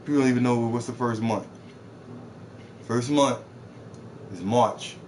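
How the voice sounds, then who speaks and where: Male game streamer, casual profane rant, stumbles and repeats words, normal mid pitch. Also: a little slow, a little mellow, a little hiss or hum. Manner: rambling, profane, repeats words, mocks others in put-on voices. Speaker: live streamer. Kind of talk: off-the-cuff rant while gaming.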